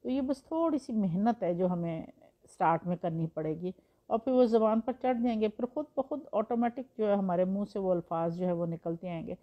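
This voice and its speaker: A woman's voice: mid-range voice, animated, muffled recording. A woman teaching Quran recitation in a patient, explanatory way, using examples and rhetorical questions. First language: Urdu. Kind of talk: explanatory religious lesson.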